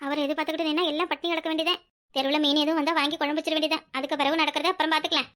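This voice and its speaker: A woman voicing a harried, sharp-tongued village daughter-in-law in a cartoon, grumbling in a Kanyakumari Tamil accent. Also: high-pitched, level tone. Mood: fretful grumbling. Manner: grumbling, quick, scolding. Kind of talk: cartoon voice acting.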